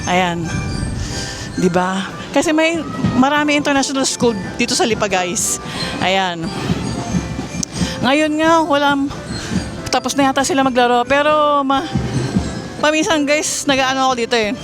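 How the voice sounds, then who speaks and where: Casual vlogger: Filipino woman, fairly high voice, raising it over crowd noise outdoors, music audible. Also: animated, measured pace, pauses often, rough recording. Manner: chatty, keeps addressing viewers as guys; raises her voice to be heard over the crowd. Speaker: vlogger giving a mall tour. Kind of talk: casual walking vlog. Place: busy outdoor shopping mall.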